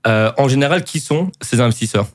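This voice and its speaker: A man's voice: mid-range voice, expressive, a little fast, no echo, studio quality. A male podcast host with an English accent, asking questions in a hesitant way and searching for his words. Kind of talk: interview questions.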